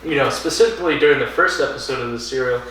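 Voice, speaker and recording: A man's voice: mid-range voice, very fast, pushed and bright. A man co-hosting a podcast, chatting casually, agreeable and rambling with many restarts. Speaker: podcast co-host. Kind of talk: casual chat. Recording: echoey room, mic at a distance, faint noise.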